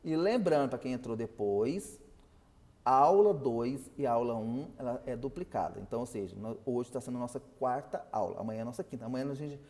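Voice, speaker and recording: A man's voice: mid-range voice, brisk, warm tone, long reverb tail. A man teaching a customer service class, explaining and asking his students questions. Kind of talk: online class lecture.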